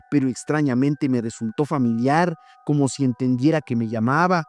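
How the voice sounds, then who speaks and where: A man who hosts a horror story channel, reading listeners' stories in a steady, measured voice. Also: fairly high pitch. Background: faint background music.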